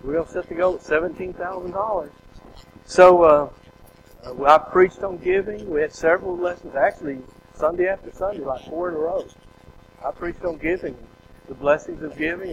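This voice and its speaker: Casting: male preacher, folksy animated storyteller, slightly high voice, faint street noise behind. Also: moderate pace, dull audio. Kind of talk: storytelling testimony.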